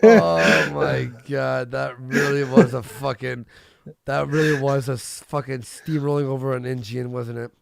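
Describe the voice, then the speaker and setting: A man's voice: mid-range voice, little pitch movement, normal speed, gravelly, a crowd in the background. A man hosting a live stream, laughing often and reading out viewer donations in crude banter.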